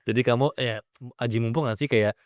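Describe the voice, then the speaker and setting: A man's voice: mid-range voice, normal speed. A young man hosting a casual podcast interview, asking playful, teasing questions and mixing in English phrases. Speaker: podcast host.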